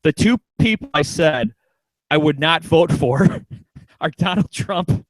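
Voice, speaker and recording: A man's voice: on the high side, lively intonation, slow, dry recording, low-quality recording. A man hosting a talk radio show in casual chat, joking around and restarting his sentences a lot. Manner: joking, lots of restarts and stammers.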